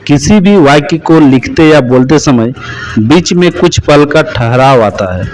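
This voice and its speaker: A man teaching a grammar lesson as a voice-over, slowing down to stress his example sentences. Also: a little high, expressive, darkish tone, low-quality recording. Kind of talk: explanatory lesson.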